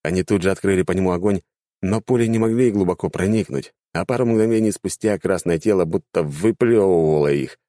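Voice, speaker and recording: A man narrating a fantasy war story with lively, dramatic delivery. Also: low voice, brisk, no room sound, studio quality.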